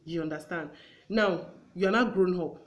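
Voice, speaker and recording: A woman's voice: on the low side, moderate pace. A woman hosting a conversational talk show. She gives earnest advice and acts out everyday exchanges as she goes.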